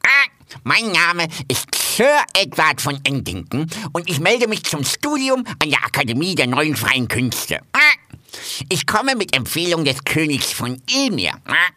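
A vain drake of a storybook, posing as a lord and talking in stiff, grand phrases, as a man voices him. The voice is bright and swings widely with self-importance. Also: fairly high pitch, big pitch swings, a little slow, no echo, full character voice. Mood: pompous. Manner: pompous, stilted formal speech. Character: pompous male duck, a self-styled aristocrat.

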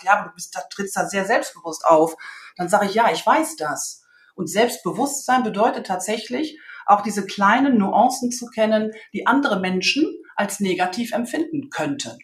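Self-assured woman trainer, roomy sound. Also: medium pitch. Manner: self-assured, vivid, acts out dialogue in anecdotes. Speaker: communication trainer, interview guest. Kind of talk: casual interview talk.

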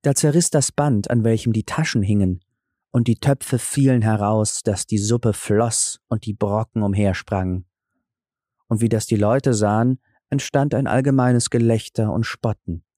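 A man narrating a fairy tale audiobook in a calm, measured storytelling manner. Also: lowish voice, no echo, studio quality.

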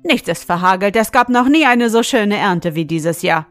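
A woman voicing a grumpy, stingy male hamster farmer in a storybook reading, speaking gruffly, loudly and with constant complaints. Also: medium pitch, expressive, moderate pace, dry recording, soft background music, natural voice. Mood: grumbling.

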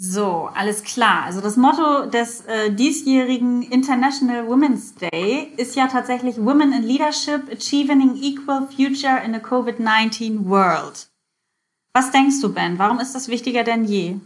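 A woman hosts a podcast interview in a clearly high voice. She speaks cheerfully and keeps things light, laughing easily as she welcomes and questions her guest. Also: normal speed. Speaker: podcast host.

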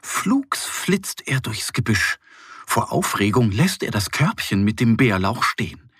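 Male storyteller for kids' audio, very animated pitch, slow, a bit husky, dry close mic. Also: no room sound. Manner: slow, very expressive, soft. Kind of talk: children's story narration.

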